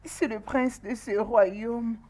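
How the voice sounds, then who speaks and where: A woman's voice: fairly high pitch, steady tone, takes it slowly, mellow. An actress playing a young, pregnant, homeless village woman who speaks hesitantly and tearfully in a dubbed film.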